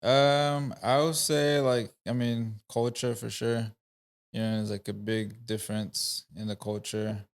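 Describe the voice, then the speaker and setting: A man in his twenties from Rwanda, a painter answering interview questions in a relaxed way, leaning on "you know" and "like". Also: mid-range voice, a little slow. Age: 20s. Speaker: guest painter. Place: podcast studio.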